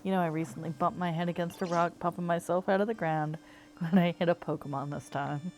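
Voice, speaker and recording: A woman's voice: fairly low pitch, steady tone, a little fast, a little mellow, a little hiss or hum, natural voice. A woman voicing a friendly burrowing mole creature in a casual, buddy-like reading.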